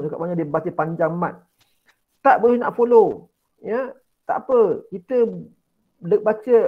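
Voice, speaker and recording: A man's voice: sits high, narrow, tinny audio. A Malaysian male religious studies teacher giving an online exam-prep lesson, coaxing students and repeating key words. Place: indoors, online class.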